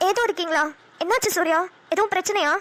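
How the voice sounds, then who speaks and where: A woman voicing a gentle comforting businesswoman. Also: very high voice, fast talker. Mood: caring, concerned. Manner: soft, soothing, caring. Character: kind young businesswoman, gentle comforting friend. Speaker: cartoon voice actor. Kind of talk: Tamil cartoon dialogue.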